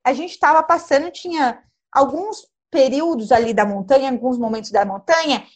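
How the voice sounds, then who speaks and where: A young woman telling a dramatic personal travel story in casual, animated chat. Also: sits high, moderate pace. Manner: lively, animated, dramatic retelling with gestures.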